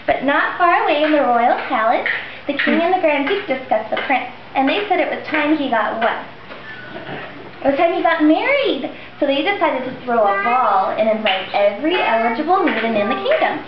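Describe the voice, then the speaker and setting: A children's party princess entertainer, sweet and young-sounding, coaxes small children through a fairy tale in an interactive story, her high voice bright, sing-song, expressive and inviting at a moderate pace. The dull, roomy camera audio sounds muffled, with clear background noise from the small children at the party.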